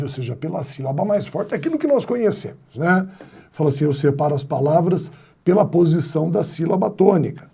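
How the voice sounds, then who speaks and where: A man's voice: on the high side, vocal fry, dark tone, slightly rough. A man teaching a grammar video lesson, explaining step by step and posing rhetorical questions to his students. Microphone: wired mic.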